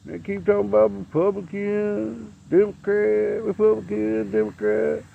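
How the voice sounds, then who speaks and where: A man's voice: high voice, little pitch movement, measured pace, creaky, narrow, tinny audio, a little hiss or hum. A man, ranting bluntly and profanely to camera outdoors as a vlogger. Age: 60s.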